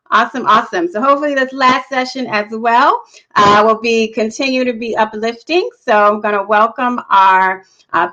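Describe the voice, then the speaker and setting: Bright-voiced woman hosting a virtual conference. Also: medium pitch, dull audio. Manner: upbeat, chatty, many fillers. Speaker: conference host.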